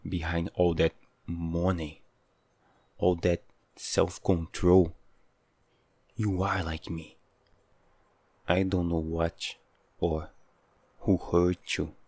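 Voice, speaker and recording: A man's voice: sits low, darkish tone, no echo, heavily acted. A man playing an obsessive, hot-headed, possessive yandere lover with intense, pleading devotion in a dramatic audio role-play. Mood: intense, pained.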